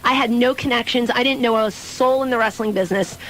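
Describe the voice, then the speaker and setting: A woman's voice: a little high, a little fast, fairly bright tone, a little hiss or hum, poor audio. A young adult woman, a pro wrestler, talking casually as a radio guest and often repeating words and restarting her sentences. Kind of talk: casual radio interview chat.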